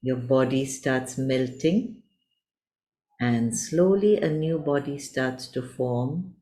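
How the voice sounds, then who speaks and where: Slow-paced woman telling a family story. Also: very deep voice. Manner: slow, warm, addressing the listener as you.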